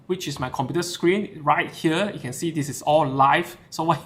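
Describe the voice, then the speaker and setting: A man's voice: a little high, moderate pace, fairly bright tone, slight background noise. A man hosting a live stream, talking casually through his setup with lots of fillers and restarts. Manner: chatty, switches between English and Mandarin, many fillers and restarts. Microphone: camera shotgun mic.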